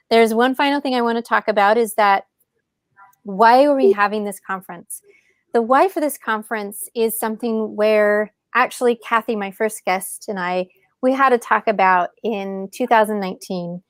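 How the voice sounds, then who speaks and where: A woman's voice: fairly high pitch, smooth, dry recording. Upbeat woman hosting a livestream. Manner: enthusiastic, greets viewers by name. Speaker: podcast host. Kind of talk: livestream conference welcome.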